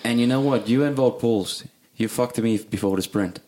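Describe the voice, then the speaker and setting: A man's voice: medium pitch, moderate pace, darkish tone. A man hosting a casual chat, swapping blunt, profane racing memories.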